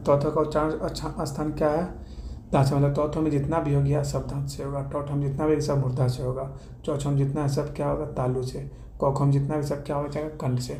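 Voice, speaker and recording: A man's voice: fairly high pitch, mellow. Echoey Bihari-accented male teacher drilling. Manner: repetitive question-and-answer drilling. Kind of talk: classroom-style grammar lesson. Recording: echoey room with faint ambient noise.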